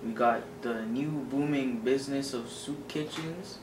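A man's voice: mid-range voice, unhurried. A teenage boy co-hosting a scripted mock 1930s newsreel, reading from his script. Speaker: news co-host in a student skit. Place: room with a table, indoors. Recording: echoey, noisy room from a distance.

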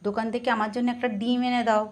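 High-pitched mom in a silly home skit, teasing and scolding in a sing-song voice. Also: female voice, level tone, rapid-fire, no room sound. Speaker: mother in a family comedy skit. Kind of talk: playful family skit.

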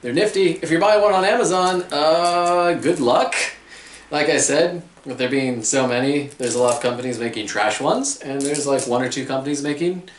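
In a small, furnished room at home, a middle-aged man hosting an airsoft gear channel reviews equipment to camera, casual and joking. His voice is fairly high and moves at normal speed; the camera mic a few steps away adds roomy echo and slight background noise.

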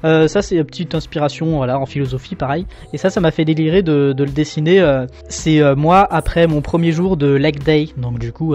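A young man from France flipping through his sketchbook in a relaxed, self-mocking way, with lots of fillers. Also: on the high side, lo-fi sound. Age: young adult. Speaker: artist showing his sketchbook. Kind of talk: casual commentary.

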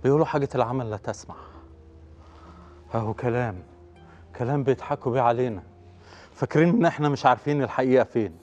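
A man's voice: mid-range voice, quick pace, pauses often, a little mellow, muffled recording, faint music behind, lightly acted. An actor playing a middle-aged father with an Egyptian accent, bitter and despairing over losing his job, breaking into choked, breathless outbursts. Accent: Egyptian Arabic. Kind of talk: Egyptian TV drama acting.

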